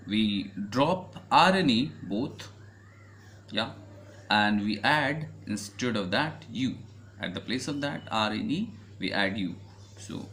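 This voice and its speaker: A man's voice: mid-range voice, a bit bright, slight background noise. A man with an Indian English accent teaching a French grammar lesson, spelling out letters and patiently repeating each point.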